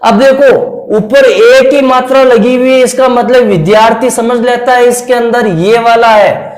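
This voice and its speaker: A man's voice: extremely high pitch, measured pace. A male teacher giving a classroom lecture, coaxing and repetitive, often checking in with his students. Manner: repetitive, coaxing, keeps saying "ok friends". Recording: echoey room.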